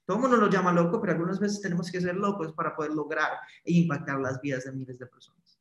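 A man's voice: a little high, fairly even intonation, fast, fairly bright tone, highs cut off. Echoey man coaching a guided visualization. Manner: guided visualization, constant tag questions. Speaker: motivational sales trainer. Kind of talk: live-streamed motivational training. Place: his office.

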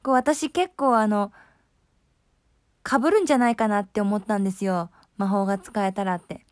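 A woman's voice: medium pitch, normal speed, no room sound, clean studio sound. A young woman with a Kansai accent hosting a casual solo talk show in a chatty, friendly way and laughing easily. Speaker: host.

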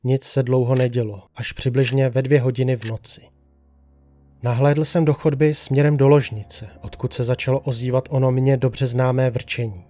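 A man reading a first-person horror story aloud in a slow, hushed, suspenseful way. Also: mid-range voice, level tone. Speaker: narrator. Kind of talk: scripted horror story narration.

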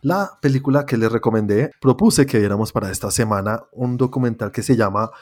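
A man hosting a casual podcast chat about series and films, leading the talk in a relaxed, conversational way. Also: medium pitch, brisk. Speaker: podcast host.

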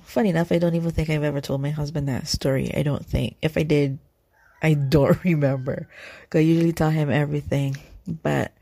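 A woman's voice: fairly low pitch, gravelly, warm tone, no room sound. A Barbadian woman hosting an unscripted spiritual podcast, speaking in a reflective, candid way and often repeating words as she thinks. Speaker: podcast host.

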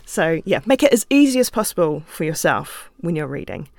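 A woman's voice: on the low side, sing-song, fairly quick, no room sound. A woman from New Zealand with a New Zealand accent, chatting as a guest in a recording studio, thinking aloud and laughing often. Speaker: guest writer. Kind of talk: relaxed interview talk.

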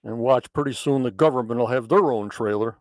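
A man hosts a casual live discussion and talks in a chatty, enthusiastic way, often repeating his praise. His voice sits at an average pitch. The sound is dry and close. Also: a little fast, no echo. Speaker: podcast host.

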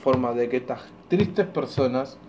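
A man's voice: medium pitch, moderate pace, highs cut off, background noise. A young man with a Rioplatense Spanish accent co-hosting a casual podcast, joking around, laughing often and playfully exaggerating. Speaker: podcast co-host. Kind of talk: casual chat.

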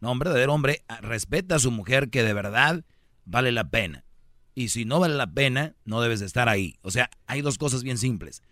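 Blunt male radio host with a forceful, bright voice. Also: mid-range voice, lively intonation, a little fast, no room sound, clean studio sound. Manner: blunt, emphatic, opinionated. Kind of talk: call-in advice talk.

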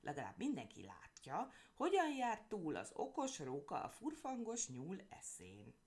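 A woman's voice: on the low side, wildly swooping pitch, darkish tone, voice pushed up. A woman voicing a sly, gloating male fox who talks in a mocking, spiteful way.

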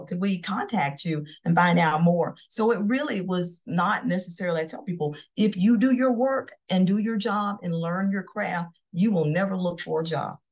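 A middle-aged woman from Florida, speaking in a low, gravelly register. She tells her career story as a podcast guest in a confident, motivational way. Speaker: guest, CEO. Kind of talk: podcast interview.

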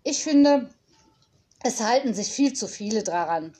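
A woman reading aloud and voicing a cheerful, whimsical female nanny who teaches a class with playful calm. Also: fairly high pitch, unhurried.

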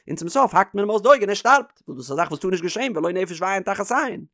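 A man's voice: high-pitched, lively intonation, quick pace, sharp tone, no echo, clean studio sound. A man with a Yiddish accent teaching a Talmud lesson in a singsong study chant.

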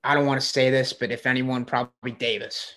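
A man's voice: mid-range voice, level tone, a little fast, sharp tone. A man with a mid-range voice co-hosts a sports podcast. He talks with enthusiasm and rambles, stacking fillers as he builds his points. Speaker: podcast co-host. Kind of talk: casual sports chat.

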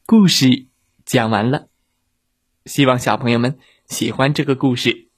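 Man, kids' story narrator; gentle, slow, breathy delivery. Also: mid-range voice. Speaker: children's storyteller. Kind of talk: scripted narration for children.

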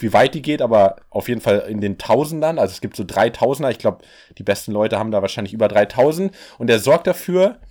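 A man chatting on a casual podcast, his pitch sitting in the middle of the male range. He explains things at length, restarts his sentences often and laughs his way through his points. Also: darkish tone. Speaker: podcast co-host.

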